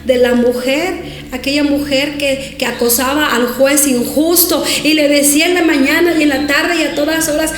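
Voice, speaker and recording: A woman pastor preaching a sermon to her congregation and to viewers at home, emphatic and repetitive, rising to shouts when she voices prayers. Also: high-pitched, fairly even intonation, moderate pace, roomy sound, a little hiss or hum. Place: church hall, streamed to viewers.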